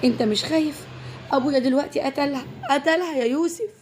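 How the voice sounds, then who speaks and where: A woman's voice: sits high, fast talker, noisy background, voice pushed up, natural voice. A woman voicing a frightened young Egyptian woman. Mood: pleading. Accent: Egyptian Arabic.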